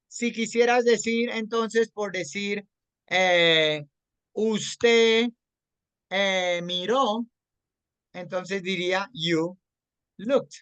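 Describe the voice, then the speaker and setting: A Colombian-accented English teacher giving an online grammar class at an unhurried pace, patient and checking understanding often. English words are dropped into the Spanish explanation. The recording is dry and close. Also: medium pitch, fairly bright tone, no room sound, muffled recording.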